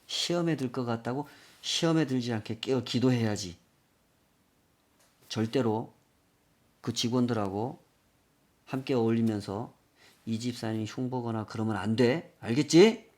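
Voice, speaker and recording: A man voicing a calm older pastor who gently admonishes a young man. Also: mid-range voice, unhurried, long pauses, close to an everyday voice. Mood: admonishing. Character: calm older male pastor counseling a youth.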